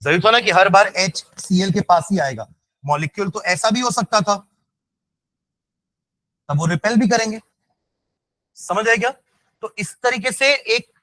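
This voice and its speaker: A male chemistry teacher lecturing a class, asking students again and again whether they follow and dictating notes slowly, with phrases. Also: high-pitched, pushed and bright, no room sound.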